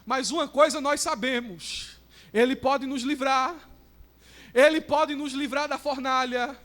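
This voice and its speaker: A man preaching a sermon in church. He swings between hushed passages and shouted climaxes and acts out the voices he quotes. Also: very high-pitched, fairly even intonation, a little slow. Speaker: pastor.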